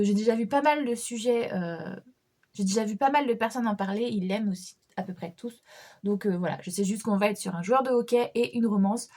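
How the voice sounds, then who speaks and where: A young woman chats about the books she plans to read, in a relaxed, rambling way. Her voice sits a little higher than most, and she fills pauses with hesitations and quick laughs. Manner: chatty, many fillers and restarts, light laughs. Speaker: book vlogger. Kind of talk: casual chat about books.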